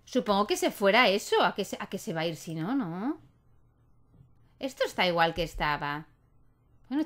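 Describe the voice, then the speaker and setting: A young woman, chatting casually as she plays a life-simulation game and talks to her characters. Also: on the high side. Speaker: gaming YouTuber. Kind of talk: casual gameplay commentary.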